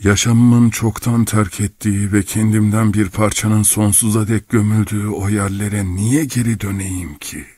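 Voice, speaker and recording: A man's voice: lowish voice, steady tone, normal speed, few pauses, mellow, husky, no echo. A man voicing a dazed, obsessed old clockmaker who speaks in a hollow, dreamy way.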